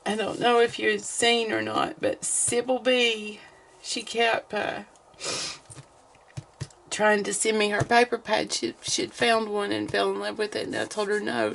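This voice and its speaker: A woman's voice: mid-range voice, vocal fry, a bit bright, a little hiss or hum, rough recording. A woman with a Southern US accent chatting casually to viewers as a vlogger. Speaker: vlogger opening mail.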